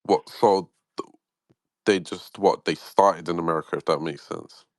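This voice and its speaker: A man's voice: deep voice, fairly even intonation, moderate pace, no room sound. A man calling into an audio chat, asking curious questions hesitantly with lots of fillers. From London, England. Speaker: caller in an audio chat room. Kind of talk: casual chat.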